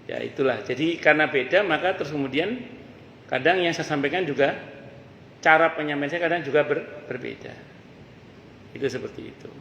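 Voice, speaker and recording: A man's voice: a little high, a little fast, pauses often, fairly bright tone, slight background noise. A man giving a conversational religious study lecture in a mosque, mixing folk sayings with asides. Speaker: ustadz teaching a mosque study circle. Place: mosque hall. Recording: echoey mosque hall with faint ambience.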